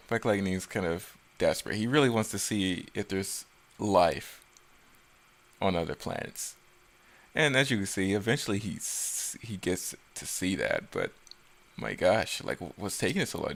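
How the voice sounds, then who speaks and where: Deep yet a bit bright, this man's voice carries vocal fry. His video-creator commentary is casual and unscripted, full of rambling, stumbles, and frequent self-corrections.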